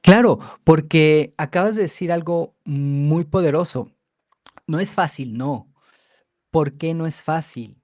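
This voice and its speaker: A man's voice: a little high, slow pace, a little mellow, no room sound, studio quality. A man working as a therapist, talking emphatically and repeating phrases for stress in a conversational interview. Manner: acts out clients' voices mockingly. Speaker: biodecoding therapist.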